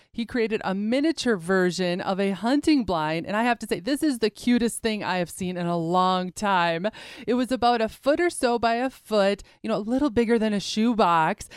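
A woman's voice: mid-range voice, smooth, no echo, clean studio sound. A woman hosting a radio show, chatty and enthusiastic, speaking straight to her listeners.

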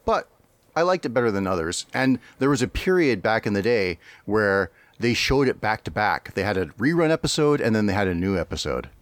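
A man co-hosting a podcast, talking in a loose, rambling way and laughing often between thoughts. His voice sits low, and the sound is dry and close, with no room around it. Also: very animated, brisk, no room sound. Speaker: podcast co-host. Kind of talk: casual podcast chat.

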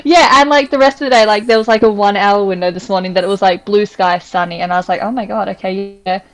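A woman's voice: mid-range voice, steady tone, fast talker. Chatty Australian woman, filler-heavy. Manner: chatty, lots of "like" fillers, laughs often. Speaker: podcast co-host, teacher. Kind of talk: casual chat.

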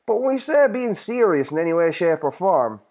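Higher-voiced North Kerry Irish man, irreverent podcaster. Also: sing-song, normal speed, a little mellow. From North Kerry, Ireland. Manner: irreverent, sweary, slangy. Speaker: host of a music podcast. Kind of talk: casual solo podcast talk.

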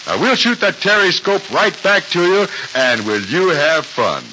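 A male radio announcer, heard on an old radio broadcast recording, eagerly pitching to children in 1940s style. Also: very animated, a little slow, sharp tone, highs cut off, a little hiss or hum.

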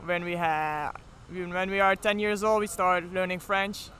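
A woman's voice: lowish voice, flat delivery, unhurried, a bit bright, a little hiss or hum. A woman in her twenties from Belgium with a Flemish accent, a native Flemish speaker, talking informally in an interview with lots of "like". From Belgium, near Ghent. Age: 20s. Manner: frequent "like" as filler, informal. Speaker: professional basketball player being interviewed. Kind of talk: casual interview chat.

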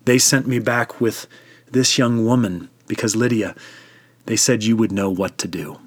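A man's voice: lowish voice, fairly even intonation, unhurried, dry recording. A man voicing the young missionary Timothy, earnestly recounting events.

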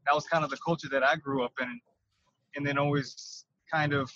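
A man speaking as a podcast guest from inside his truck, his voice carrying a windy, tunnel-like sound. He talks haltingly and often repeats words while he thinks. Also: a little high, fairly even intonation, bright, forceful tone. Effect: windy, tunnel-like truck-cab sound. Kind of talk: casual interview over a call. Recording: muffled windy truck-cab recording.

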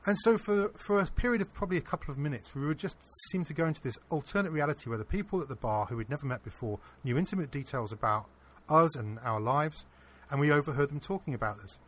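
Husky guy telling his story in an interview, earnest and animated. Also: a little high, quick pace, few pauses. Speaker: interview guest. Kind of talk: casual storytelling.

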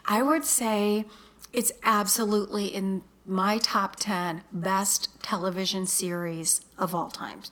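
A woman's voice: medium pitch, fairly even intonation, takes it slowly, a bit bright. A chatty woman talking casually, laughing often and restarting her sentences. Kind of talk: casual chat.

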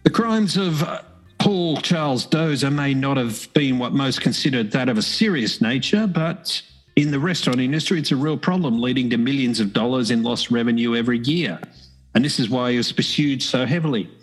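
A man's voice: mid-range voice, normal speed, faint music behind, poor audio. A man hosting a podcast, reading a scripted story in a slightly wry manner. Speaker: podcast host.

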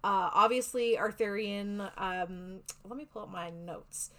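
This podcast co-host, a woman, explains things in loose, chatty fashion during a casual podcast chat. Her medium-pitched voice moves a little slowly and sounds pushed and bright.

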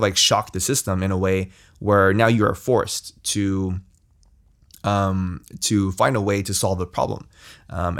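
A man hosting a podcast, giving rambling casual advice with many restarts and tag questions. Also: on the low side. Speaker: podcast host.

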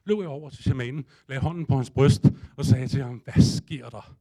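A man's voice: medium pitch, fairly even intonation, dark tone. A man telling a comic first-person story to a live audience, acting out his own panic and thoughts with casual swearing.

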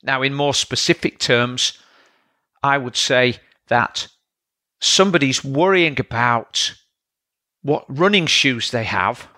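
A man who coaches hosts his own podcast, delivering a solo monologue of training advice in a plain-spoken, lecturing manner with frequent rhetorical "all right?" checks. His mid-range voice is expressive, slow and sharp, recorded in clean studio sound with no room noise.

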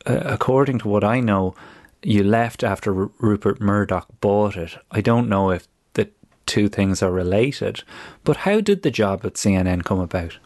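A man's voice: lowish voice, animated, moderate pace, a little mellow, no room sound, clean studio sound. A man, hosting a conversational interview. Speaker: interviewer, host.

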